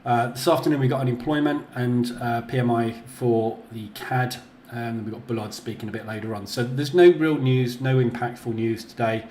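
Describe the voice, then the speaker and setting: A man hosting a casual morning trading stream from a bare, just-painted office, his voice echoing like a cave and often broken by throat-clearing. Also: mid-range voice, steady tone, normal speed, a little mellow, a little hiss or hum. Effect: cave-like echo from an empty room. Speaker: trading livestream host. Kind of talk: casual morning market chat. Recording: echoey bare room, faint ambience.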